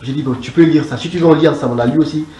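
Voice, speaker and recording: A man telling his faith testimony in conversation, animated, often repeating and restarting his words. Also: fairly high pitch, racing. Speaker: guest giving a religious testimony. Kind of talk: conversational storytelling. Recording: echoey room with loud background noise.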